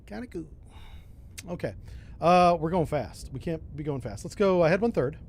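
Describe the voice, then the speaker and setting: A man's voice: fairly high pitch, lively intonation, moderate pace, a little mellow. A man doing casual commentary on a submarine game, thinking aloud with mild exclamations. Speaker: gamer, host.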